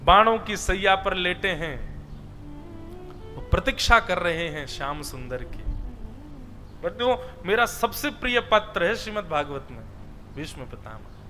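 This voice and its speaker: A man giving a devotional sermon, telling a sacred story with expressive emphasis and often addressing his listeners as brothers. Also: high-pitched, measured pace, long pauses, in a large hall, soft background music. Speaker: kathavachak preacher. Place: stage at a religious discourse.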